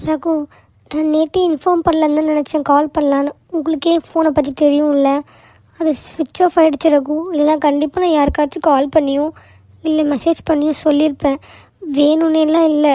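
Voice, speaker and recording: A woman's voice: high voice, little pitch movement, fairly quick, warm tone, no echo, natural voice. A woman voicing a flustered young woman who apologizes and explains herself, in a cartoon. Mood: apologetic. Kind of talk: cartoon voice acting.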